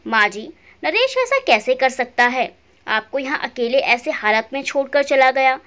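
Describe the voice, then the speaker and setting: A woman's voice: high-pitched, animated, a little slow, fairly bright tone. A woman voicing a respectful son-in-law who speaks politely and with concern to his mother-in-law. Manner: polite, caring.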